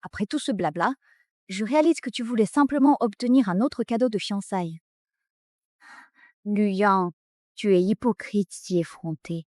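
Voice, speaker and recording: A woman's voice: mid-range voice, moderate pace, pauses often, a little mellow, no room sound, studio quality, close to an everyday voice. A woman voicing a composed, cutting young heiress in a French melodrama dub. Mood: scornful. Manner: cold, cutting. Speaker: dubbing actress.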